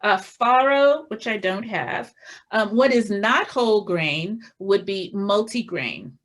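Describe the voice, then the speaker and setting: A woman giving an informal health talk, slowly listing foods one by one with frequent fillers and showing items from her pantry. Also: mid-range voice, animated, a bit bright. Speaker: health presenter.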